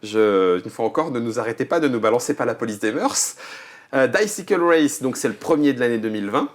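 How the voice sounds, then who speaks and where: A man's voice: medium pitch, expressive, brisk. Guy hosting, voice bounces up and down a lot, jokey, keeps asking stuff. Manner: playful, jokey, prompting questions. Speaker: show host. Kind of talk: casual interview chat.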